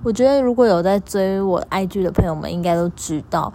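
Brief: a young store clerk, vlogging. Chatty and emphatic, a mid-pitched woman. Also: brisk, a little hiss or hum. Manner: chatty, animated, repeats herself for emphasis. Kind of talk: casual storytelling to followers.

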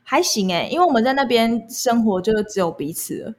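Telling stories about her former jobs as a guest, a young Taiwanese-accented woman speaks casually and candidly about her own experiences. She sounds a little high, brisk, and lively in intonation.

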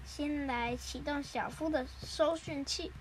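A woman voicing a clumsy, boastful schoolboy in shrill, over-excited cries. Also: takes it slowly, slight background noise.

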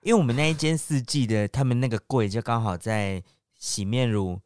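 A man's voice: mid-range voice, brisk, a little mellow, clean tone. A young man co-hosting a casual chat, mostly adding short agreements and playful quoted lines. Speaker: podcast co-host.

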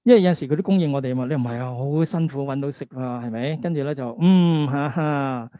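A man's voice: mid-range voice, fast talker, no room sound, muffled recording. A man with a Hong Kong Cantonese accent preaching conversationally as a pastor, exhorting listeners with rhetorical questions and check-in tags. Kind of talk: conversational sermon with scripture readings.

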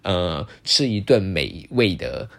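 A man putting on a higher, whiny voice to mock a defensive online commenter who keeps apologizing insincerely. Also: big pitch swings, takes it slowly, creaky, heavily acted.

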